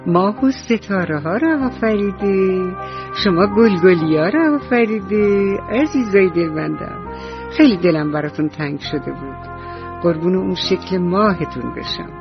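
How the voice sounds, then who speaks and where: A woman's voice: lowish voice, expressive, music in the background. Tender woman telling a bedtime story. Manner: warm, tender and coaxing, talking to children. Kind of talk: radio bedtime story for children. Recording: dull lo-fi radio recording.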